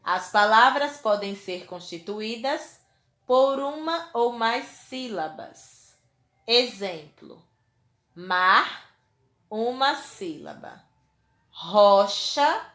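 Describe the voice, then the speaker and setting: A woman teacher giving a lesson to young children. She speaks in a slow, clear dictating manner, stretching out each example word, with a Brazilian Portuguese accent. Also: fairly high pitch, a bit bright, reverberant.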